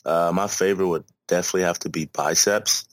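A man's voice: low-pitched, steady tone, fast, a bit bright, dry recording. A young man co-hosting a casual podcast, laid-back and egging his friend on. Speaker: podcast co-host. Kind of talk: casual chat.

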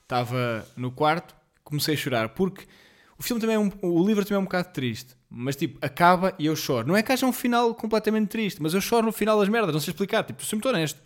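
A man's voice: high voice, animated, fast talker. A man in his twenties with a European Portuguese accent, rambling through a casual solo podcast with lots of slang and fillers. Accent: European Portuguese, Lisbon slang. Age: 20s. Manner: rambling, slangy, self-deprecating, many fillers; apologetic about being jittery and off rhythm. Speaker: podcast host.

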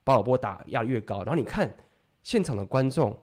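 A man talking fast and animatedly in a casual podcast chat, swearing now and then. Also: medium pitch, lively intonation, a little mellow.

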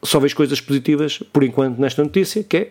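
A man's voice: medium pitch, fast talker, darkish tone. A man with a European Portuguese accent co-hosting a casual gaming news podcast, rambling with many fillers and restarts and swearing freely. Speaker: podcast co-host.

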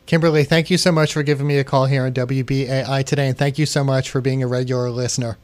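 A man's voice: mid-range voice, level tone, quick pace. A man from Queens, New York, hosting a radio call-in show in a conversational presenter's style.

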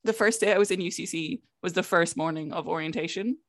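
A young woman speaks in a west of Ireland accent at a middling pitch. She tells personal stories in a casual, conversational way, often acting out little exchanges. The sound is close and dry. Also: fast, dry recording. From County Clare, west of Ireland. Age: young adult. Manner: conversational, frequent filler "like", quoting herself and others. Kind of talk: casual chat, telling personal anecdotes.

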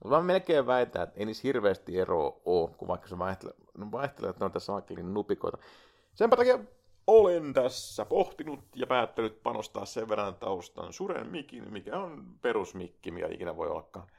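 Man, solo podcast host, gravelly, lively up-and-down pitch, rambling chat, USB mic. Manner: rambling and chatty, swears freely, talks to listeners. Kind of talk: casual solo podcast monologue. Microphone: USB microphone into a laptop.

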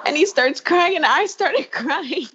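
A woman casually retelling scenes from a show, animated and laughing along. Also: high voice, a little slow, dull audio. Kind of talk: casual chat reviewing a TV show.

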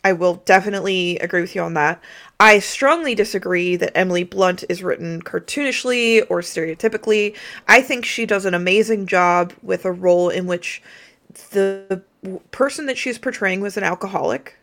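A woman's voice: mid-range voice, normal speed, a bit bright. A woman co-hosting a podcast, chatting casually and enthusiastically about a film and talking through her ideas. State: slight hiccups. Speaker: podcast co-host. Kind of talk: casual film review chat.

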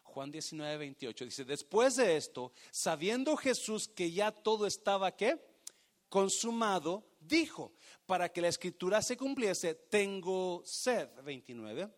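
A man preaching a sermon, swinging from hushed, drawn-out phrases to loud, emphatic bursts. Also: high-pitched, animated. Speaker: pastor.

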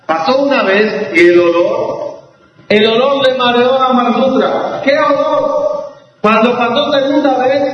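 A man teaching a religious law lesson as a rabbi, deliberate, with restarts and rhetorical questions. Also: extremely high pitch. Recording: echoey hall, distant mic, dull sound.

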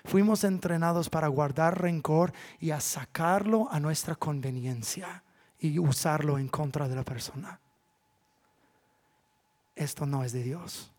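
A man, a pastor preaching a sermon in church, swinging from loud, drawn-out appeals to hushed asides. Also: on the high side.

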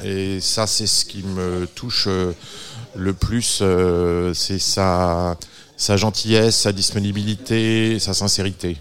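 A man chatting casually on a radio show, halting, with many fillers. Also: low-pitched, steady tone, a bit bright. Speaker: radio station regular.

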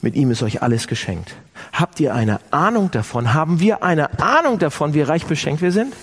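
Animated, husky preacher man. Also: on the high side, normal speed. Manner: animated, addresses listeners directly. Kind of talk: sermon.

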